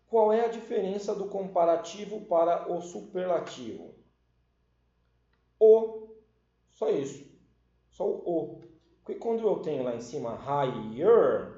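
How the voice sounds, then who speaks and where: Brazilian guy teaching english, slow and mellow, lo-fi echoey room sound. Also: fairly high pitch. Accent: Brazilian Portuguese. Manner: explains slowly, often checking with "né?" and "certo?"; spells out suffixes letter by letter. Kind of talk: recorded online class.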